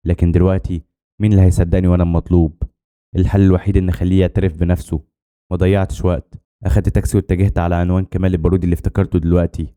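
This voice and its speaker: A man's voice: low voice, dark tone, clear, resonant tone. A man with an Egyptian Arabic accent telling a dramatic first-person story in a tense way.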